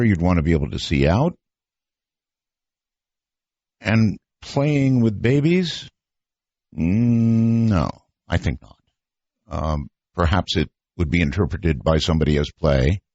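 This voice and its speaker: A man hosting a late-night call-in radio show, speaking in a measured, deliberate way. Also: sits low, a little mellow, no echo. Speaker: radio talk show host. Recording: dull lo-fi radio broadcast.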